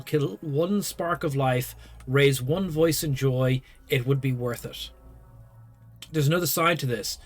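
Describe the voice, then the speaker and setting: A man hosting a game playthrough, reading narration and dialogue choices aloud as he plays. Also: fairly high pitch. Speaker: let's play host.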